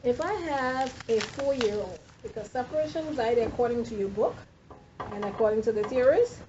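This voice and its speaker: Animated woman lecturing a class. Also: fairly high pitch, brisk. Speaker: nursing instructor. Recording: dull lo-fi classroom recording with faint noise.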